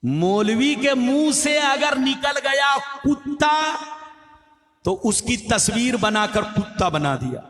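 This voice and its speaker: Male preacher singing out his sermon, high bright, shouts then calls the crowd to answer, echoey hall recording. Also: lively intonation, takes it slowly. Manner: sing-song chanting with shouted peaks, calls on crowd to respond. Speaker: Islamic preacher. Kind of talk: chanted religious sermon. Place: stage before a gathering.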